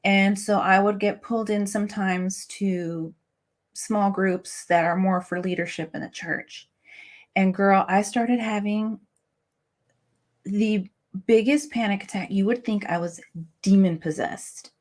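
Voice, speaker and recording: A woman's voice: mid-range voice, fairly even intonation, measured pace. A young adult woman speaking as an interview guest, talking candidly and emotionally with many "like" fillers. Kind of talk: candid personal interview talk.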